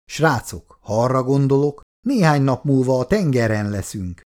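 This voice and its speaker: A man's voice: medium pitch, lively intonation, a little mellow, lightly acted. A man voicing a tough, bossy teenage boy who leads a street gang and gives commands. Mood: commanding. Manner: commanding, threatening.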